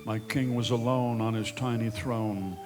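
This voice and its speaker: A man's voice: mid-range voice, steady tone, unhurried. A man narrating a comic rhymed story as a storyteller. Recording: loud music underneath.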